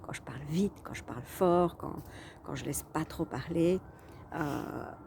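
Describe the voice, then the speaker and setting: A woman coach chats to her viewers in a casual vlog, pausing often on fillers and restarting her phrases. Her voice sits fairly low and sounds mellow and relaxed. A faint hum of room ambience stays behind her. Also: creaky. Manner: chatty, hesitant with frequent fillers and restarts. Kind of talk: casual talking-head vlog.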